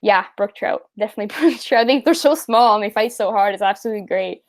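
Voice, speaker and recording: Reading viewer questions during a casual live chat on her fishing stream, a young Canadian woman rambles cheerfully, laughing often and leaning on fillers. She talks fast in a mid-range voice.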